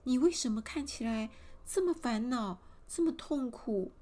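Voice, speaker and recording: A woman voicing three odd, kindly spinning women in a fairy tale, calm and coaxing. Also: a little high, measured pace, slight background noise, pitched above the performer's own voice.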